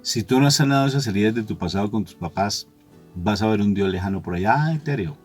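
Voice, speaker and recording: A man's voice: fairly low pitch, fast talker, faint music behind. Man telling a story animatedly. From Colombia. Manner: animated storyteller, acts out quoted voices. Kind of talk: storytelling religious talk.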